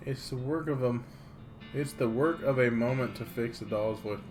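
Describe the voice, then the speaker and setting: A man with a fairly standard-pitched voice reads a video game aloud as he plays. His narration is casual, and guitar music plays clearly behind him. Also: moderate pace, a little mellow. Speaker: gamer reading a game aloud.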